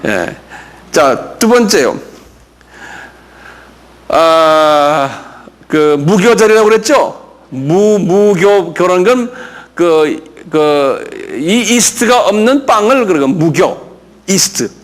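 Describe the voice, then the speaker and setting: Lively high-voiced pastor teaching slowly. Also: male voice. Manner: drills pronunciation, quizzes listeners, chuckles. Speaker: pastor teaching a Bible class. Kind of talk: classroom lecture with audience questions.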